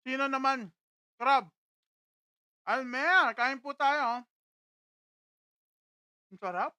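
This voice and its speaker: A woman hosts a casual live stream from a studio, greeting viewers by name one after another and tasting dishes on camera. Her voice sits high and bright, and she speaks at an unhurried pace. The sound is dry and close, with no room echo. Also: clean tone.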